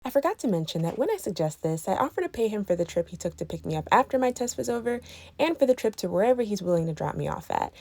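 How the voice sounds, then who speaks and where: A woman vlogger adding a quick explanatory voice-over aside to her story. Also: mid-range voice, very animated, creaky, warm tone.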